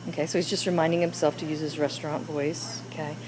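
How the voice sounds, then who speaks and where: A woman's voice: sits low, little pitch movement, fast talker, background noise. A woman teacher leading a classroom discussion with children, coaxing them with question after question.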